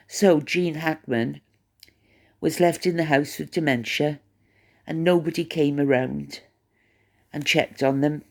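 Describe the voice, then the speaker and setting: In a slow, gravelly voice at medium pitch, pausing often, a Welsh-accented vlogger delivers rambling gossip commentary to camera. As channel host, the speaker is chatty and stop-start, frequently repeating words while thinking aloud.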